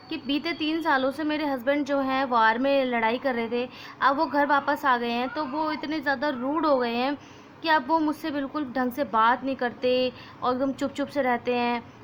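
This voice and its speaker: High-voiced woman teaching children. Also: a bit bright, slight background noise. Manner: mixes Hindi and English, addresses children as "beta". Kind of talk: explaining a school lesson.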